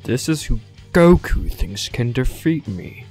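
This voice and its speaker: A man acts out a smug monster villain in a cartoon impression voice. The delivery is slow, pompous and coldly condescending, with faint game music underneath. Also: mid-range voice, very animated, darkish tone.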